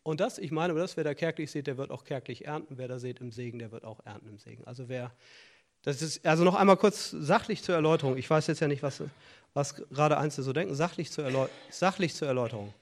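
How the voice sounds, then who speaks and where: A middle-aged man delivers a sermon in a fairly high voice. He is earnest and insistent, breaking off for joking asides and restarting his sentences. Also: fast talker. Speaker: preacher. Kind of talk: sermon on tithing and offerings.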